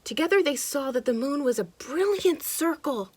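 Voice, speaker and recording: Reading a picture book to kids, this woman's voice sits high and moves at a moderate pace, with no echo. As a storytime host, she's lively and expressive, turning to the children with asides and pointing out details.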